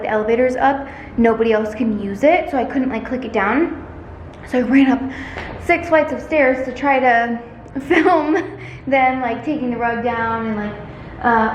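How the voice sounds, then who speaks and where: A woman's voice: a little high, muffled recording. A young woman vlogging casually as she shows an empty apartment on a handheld camera, chatty and gushing, full of "like" fillers. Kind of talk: casual vlog narration. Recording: echoey empty rooms, faint background noise.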